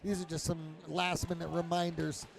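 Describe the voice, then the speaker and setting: A man's voice: on the high side, little pitch movement, moderate pace, creaky. A man doing conversational live commentary on a fight event as one of a pair of commentators.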